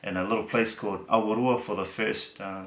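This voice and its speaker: A man's voice: fairly low pitch, steady tone, brisk, fairly bright tone. A man from New Zealand with a New Zealand accent, hosting a podcast and interviewing a guest in a friendly, casual way. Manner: friendly, with short encouraging replies. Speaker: podcast host. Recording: roomy echo.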